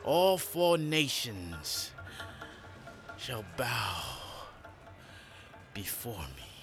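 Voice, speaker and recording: A man voicing a corrupted male warlord whose voice is half human and half creature, making slow, threatening proclamations. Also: mid-range voice, very animated, creaky, music in the background, heavily acted. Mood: menacing.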